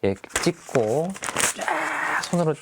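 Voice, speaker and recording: A man's voice: a little high, animated, slow pace, very noisy. A middle-aged male teacher who talks through classroom activities in a friendly, explaining way, often starting with fillers.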